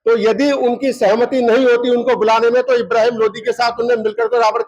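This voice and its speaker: Brief: high-pitched man, local politician, argumentative press statement, dull lo-fi field audio. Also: level tone, fairly quick, a little mellow. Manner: argumentative, cites book pages as proof. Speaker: local party wing state president.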